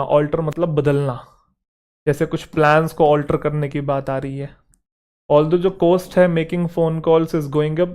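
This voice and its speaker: Haryanvi-accented man teaching English words. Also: fairly high pitch. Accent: Haryanvi-tinged Hindi and English. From Haryana, India. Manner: explains in Hindi, reads English example sentences slowly and deliberately. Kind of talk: exam-prep vocabulary lesson in Hindi mixed with English.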